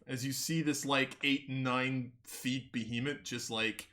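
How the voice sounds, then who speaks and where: Bright-voiced man running a tabletop game. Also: mid-range voice, steady tone, measured pace. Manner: casual, laughs often, swears. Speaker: game master.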